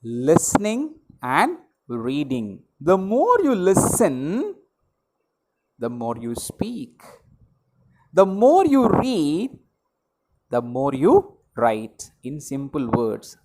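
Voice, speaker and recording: A middle-aged man with an Indian English accent giving a spoken English lesson to camera, slow and emphatic, repeating key words and asking rhetorical questions, recorded in a small room on a wired earphone mic held near his mouth. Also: medium pitch, sing-song, a little mellow, rough recording. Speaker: English trainer. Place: small room indoors with a ceiling fan.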